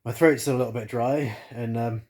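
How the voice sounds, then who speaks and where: In a casual living-room vlog recorded on his phone, a man speaks at a brisk pace in a medium-pitched, darkish voice with a steady tone. He sounds congested, still recovering from the flu. His chat to camera meanders, with plenty of fillers and restarts.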